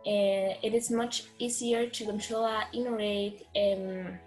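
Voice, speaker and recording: Teen girl from chile, spanish native, slow and flat, earbud mic. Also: medium pitch, soft background music, low-quality recording. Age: teens. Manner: slow, with many uhs. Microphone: earphone mic.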